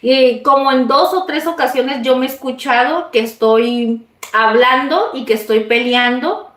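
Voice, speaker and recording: A woman's voice: high-pitched, a little slow. A woman, telling a personal story to her viewers in a chatty, confiding way. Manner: chatty, confiding, animated retelling. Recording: echoey room.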